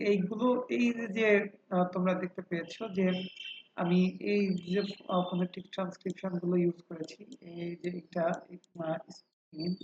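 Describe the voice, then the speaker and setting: A man teaching English pronunciation in a classroom-style lecture. He patiently repeats example words many times and pauses often with hesitant fillers. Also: sits high, slight background noise. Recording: roomy, dull lo-fi sound.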